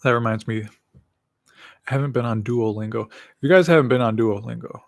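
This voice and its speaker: This man in his late twenties hosts his own livestream, chatting and rambling with self-mocking humor while he eats. He has a slight lisp and a gravelly, medium-pitched voice at a moderate pace, captured in clean studio sound with no room tone.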